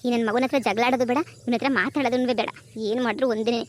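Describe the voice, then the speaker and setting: A woman doing a sharp-tongued young village wife. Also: a little high, fairly even intonation, fast, slight background noise, close to an everyday voice. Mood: angry. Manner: pleading sweetly to her father-in-law, then scolding with contempt. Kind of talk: cartoon comedy voice acting.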